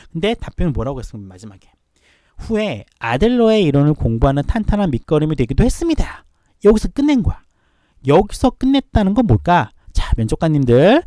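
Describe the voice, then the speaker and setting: A male tutor giving an online lecture to students, brisk and full of rhetorical questions aimed at his listeners. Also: a little high, dark tone, no room sound. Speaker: admissions tutor.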